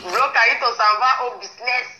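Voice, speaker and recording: A woman's voice: fairly high pitch, moderate pace, pushed and bright, a little hiss or hum. A woman hosting a casual live stream on her phone, chanting and exuberant, slipping into pidgin. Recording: echoey room, dull lo-fi phone sound.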